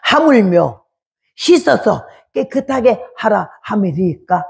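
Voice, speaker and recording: A woman in her eighties voicing humble male servants pleading with their master in a slow, low recitation. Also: big pitch swings, vocal fry, darkish tone, breathy edge, exaggerated voice. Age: 80s.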